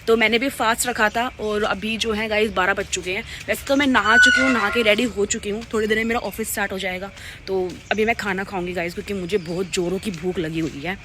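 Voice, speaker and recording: A young woman vlogging casually at home, chatty and quick, forever calling her viewers "guys". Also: medium pitch, fairly even intonation, heavy background noise. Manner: fast-talking. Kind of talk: casual vlog chat to camera. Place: at home and outside in the street.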